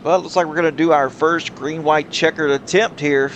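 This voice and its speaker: A man calling a sim racing event play-by-play, reacting quickly to the action. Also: a little high, steady tone, fairly bright tone, slight background noise. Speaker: lead race commentator.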